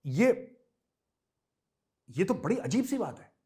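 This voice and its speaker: A man's voice: high-pitched, sing-song, slow pace, warm tone. A middle-aged man from India hosting a political commentary show, talking emphatically and with scorn, full of rhetorical questions. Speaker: host.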